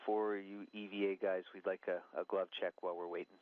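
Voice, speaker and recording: Capsule communicator: a low-voiced man on a tinny radio loop, halting and full of fillers. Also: little pitch movement. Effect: narrow radio link. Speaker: mission control capsule communicator. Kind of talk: radio calls to spacewalkers.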